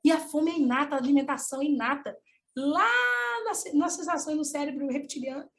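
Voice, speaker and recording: A woman with a Brazilian Portuguese accent giving an online lecture, explaining in an animated way with rising emphasis. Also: high voice, fairly quick.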